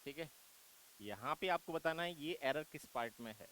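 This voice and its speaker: A man's voice: on the high side, lively intonation, moderate pace, a bit bright, slight background noise, low-quality recording. An Indian man teaching an English grammar lesson for exam prep, coaxing his students with repeated rhetorical questions and calling them "beta".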